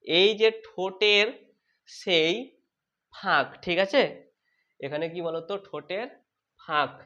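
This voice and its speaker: A man teaching a lesson, who asks questions and then answers them himself, repeats terms slowly and corrects his own slips aloud. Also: sits high, sharp tone. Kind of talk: exam-prep lesson on vowel sounds. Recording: dull lo-fi sound.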